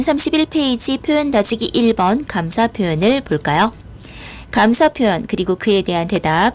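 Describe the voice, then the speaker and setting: Young adult female teacher, online class, animated sing-song pitch, patient and clear. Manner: patient, lively explaining with drawn-out model words. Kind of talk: online school lesson.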